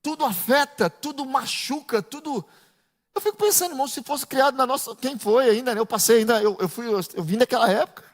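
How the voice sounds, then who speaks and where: A middle-aged male pastor preaching a sermon, dropping to low asides and building to shouted, half-sung climaxes. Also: a little fast. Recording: echoey church hall.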